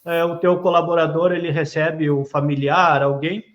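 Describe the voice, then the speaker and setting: A man hosting a podcast, asking long questions with many hesitant pauses. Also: fairly high pitch, little pitch movement, dull audio. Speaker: podcast host. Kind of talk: casual podcast interview.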